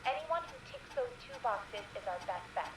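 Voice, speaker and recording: An actress voicing a calm young woman coordinating an emergency in a steady, businesslike way. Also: on the high side, moderate pace, distant mic, crowd noise, rough recording. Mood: focused. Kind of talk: video game voice acting.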